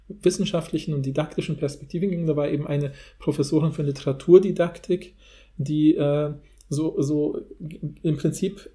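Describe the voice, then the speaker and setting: This podcast host is a man whose voice runs on the high side with a dark tone. He chats in an easygoing, meandering, informal way.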